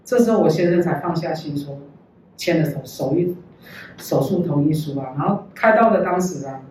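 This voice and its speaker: A woman's voice: low voice, normal speed, a little mellow, a little hiss or hum. Woman telling her testimony at church, earnest and emotional, mic far away, super echoey hall. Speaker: church member giving testimony. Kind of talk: personal faith testimony.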